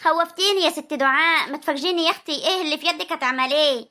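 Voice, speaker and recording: A woman's voice: high voice, rapid-fire, sharp tone. A woman with a rural Egyptian accent playing a young wife who threatens her rival. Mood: threatening. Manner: defiant, threatening. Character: young wife feuding with her sister-in-law.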